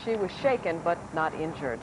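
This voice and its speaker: A woman reading TV news as anchor, with a crisp, formal delivery. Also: low-pitched, lively intonation, normal speed. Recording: off-air TV tape, faint hiss.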